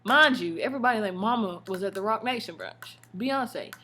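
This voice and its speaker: An American woman telling stories in a casual, slangy vlog style, expressive and full of emphatic asides. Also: mid-range voice, a little fast, a little hiss or hum. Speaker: vlogger. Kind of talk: casual chatty storytelling vlog.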